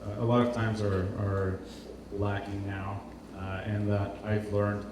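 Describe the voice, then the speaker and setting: This designer from Portugal has a voice on the low side, with a flat delivery and a measured pace. Giving an informal presentation, he falters and repeats words as he looks for phrasing. Heavy echo fills the indoor venue, and the capture is distant, roomy and noisy.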